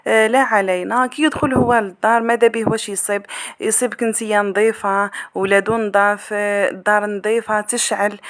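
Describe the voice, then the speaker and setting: Fast-talking Algerian woman giving advice. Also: a little high. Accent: Algerian Arabic. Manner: affectionate, addresses listeners as darling. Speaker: relationship advice vlogger. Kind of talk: casual advice talk to women viewers.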